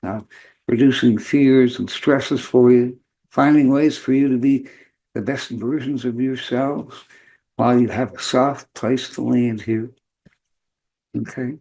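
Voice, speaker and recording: Male show host, hoarse and gravelly, mid-range voice, loose halting delivery, talks informally to the audience. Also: medium pitch, fairly even intonation, dark tone, rough recording. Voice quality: hoarse, beat-up voice.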